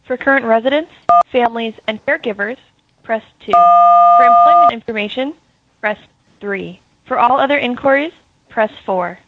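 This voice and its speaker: A woman's voice: on the high side, moderate pace. A woman's recorded phone menu voice reading scripted prompts, played from a phone held up to a microphone. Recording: tinny phone line through a mic, loud noise.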